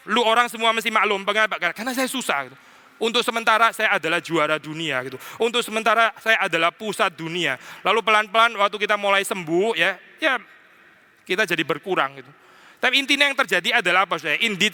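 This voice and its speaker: Pastor, male, high and very bright voice, chatty sermon delivery with bits of playful mimicry, church hall echo. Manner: conversational preaching with English phrases and playful mimicry. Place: church sanctuary.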